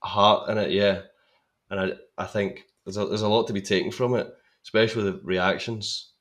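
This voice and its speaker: A young man talks about a favourite film as a podcast guest, his voice sitting low. He is eager and chatty, stumbling over repeated words as he gathers his thoughts. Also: level tone, moderate pace, fairly bright tone. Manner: enthusiastic, repeats words while thinking. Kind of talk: casual film chat.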